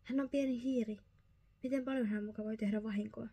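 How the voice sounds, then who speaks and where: A woman's voice: a little high, steady tone, dark tone, slightly rough. A woman voicing a vain, dismissive female mother mouse in a whispered role-play bedtime story, mocking and haughty.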